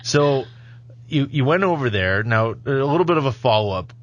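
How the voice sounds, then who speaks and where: In a studio, a man hosting a casual podcast wanders through his talk, joking and poking fun at himself. He speaks at normal speed with a medium, expressive voice, and the sound is lo-fi.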